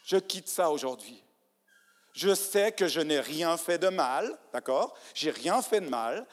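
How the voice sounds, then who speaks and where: A man preaching a sermon in a church, animated, acting out people's inner voices and swinging from hushed to loud. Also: on the high side, slow. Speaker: pastor. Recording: church hall reverb.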